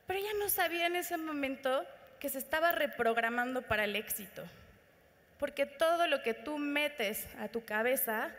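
A woman with a Mexican accent telling an inspirational story to an audience at a conference. She speaks in an animated way and talks straight to the listeners. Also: high-pitched. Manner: animated, addresses audience directly. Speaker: motivational speaker. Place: conference hall. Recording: reverberant conference hall.

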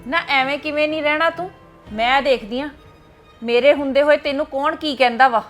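A woman plays an ailing, quarrelsome older mother-in-law in a homemade family drama. Her voice is high and sharp-edged, and she scolds indignantly. Light music runs behind. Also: a little fast. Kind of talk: Punjabi family web drama.

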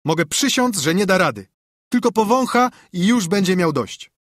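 A man's voice: sits high, expressive, normal speed, a bit bright, dry recording, clean studio sound, pitched above the performer's own voice. A man voicing a boastful young boy in an audiobook, who scoffs at others. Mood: scornful.

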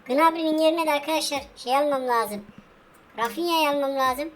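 A woman streaming a football match lets her high voice soar and sink as she talks to her audience. She rants and groans loudly at every miss, always addressing the viewers directly. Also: normal speed, a little hiss or hum. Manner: talks straight to viewers, over and over. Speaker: gaming channel host. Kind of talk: casual let's-play commentary.

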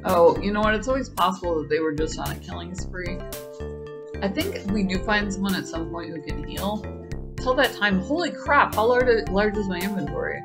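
A woman's voice: mid-range voice, moderate pace, over music. A woman chatting through a video game as its streamer, playful and wry, often exclaiming.

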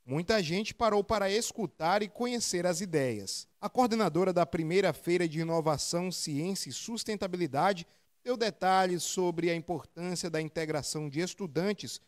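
A male reporter with a northeastern Brazilian accent reading a news voice-over in a measured tone. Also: sits high. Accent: Brazilian Portuguese, northeastern. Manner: measured, read script.

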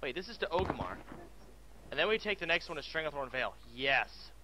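A man streaming a game live, chatting casually, bossing his viewers around with excitable, profane outbursts. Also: on the high side, a little fast, noisy background.

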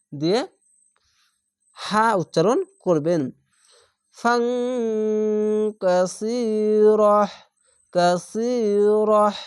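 A man's voice: high-pitched, no room sound, studio quality. A man teaching Quran reading, who spells out each letter and syllable, repeats the sounds and stretches the vowels before joining them into words. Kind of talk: step-by-step recitation lesson.

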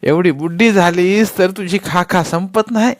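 A man doing a sharp-tongued, scolding woman. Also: fairly high pitch, dry recording, studio quality, pitched above the performer's own voice. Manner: scolding, quick-tempered, blunt. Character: sharp-tongued working woman, short-tempered.

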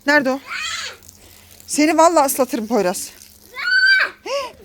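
A woman's voice: high voice, sing-song, a little slow, slight background noise. A woman filming a family vlog outdoors in a garden, coaxing and scolding her children and laughing often.

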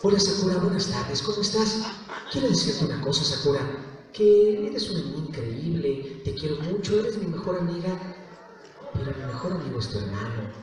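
Man doing a soft-spoken sweet cartoon teen boy, tender; far off, echoey hall, crowd noise. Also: on the high side, expressive, normal speed, natural voice.

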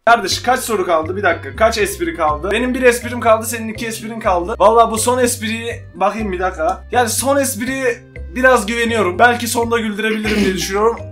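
A young man with a high voice hosts casually in slangy, teasing banter. He is prone to breaking into giggles, and faint music plays behind him in a room at home. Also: fast, a bit bright. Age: young adult. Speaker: YouTube host and joke challenge contestant.

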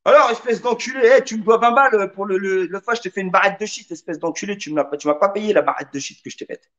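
A man's voice: high-pitched, fast, fairly bright tone, muffled recording. A man hosting a live radio show, joking and teasing while reading out the chat. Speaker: radio host.

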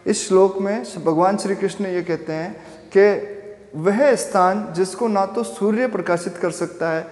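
Physics teacher, man, high voice, asks the class questions as he explains, roomy reverb. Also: a little mellow. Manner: explains step by step with questions to students; chants Sanskrit verses slowly. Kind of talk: classroom lecture.

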